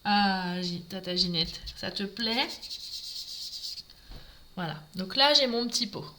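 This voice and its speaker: A woman's voice: mid-range voice, takes it slowly, noisy background. A woman giving a live craft demonstration, talking through each step and greeting viewers as she works.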